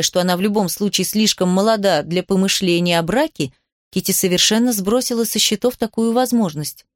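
A woman's voice: medium pitch, no room sound. Woman narrating a novel, dry sound. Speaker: audiobook narrator.

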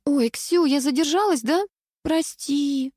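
A woman reading aloud, voicing a bubbly, chatty teenage girl in a higher, lively voice. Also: takes it slowly, no echo, clean studio sound.

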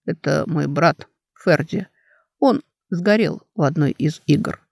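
A stern young man , read by a woman, talks in a quiet, flat and measured way, slow and steady. His voice sits low and dry in this audiobook reading. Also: creaky, no room sound, heavily acted. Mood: calm. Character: calm stern young man, protective brother.

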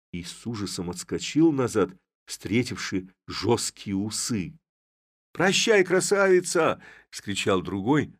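A man narrating a classic story in an expressive, theatrical reading. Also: lowish voice, no room sound, clean studio sound. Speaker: audiobook narrator.

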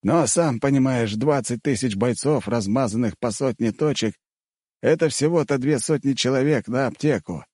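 A man's voice: medium pitch, normal speed, a little mellow, slightly rough, dry recording, clean studio sound, voice pushed up, lightly acted. A man doing a sardonic, curt rector. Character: brash, sardonic male rector, grown man.

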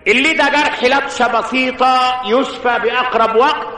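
A man's voice: extremely high pitch, fairly even intonation, normal speed, sharp tone. A man doing a proud, hot-tempered warrior prince. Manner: haughty, demanding questions. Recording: roomy hall, voice from far off.

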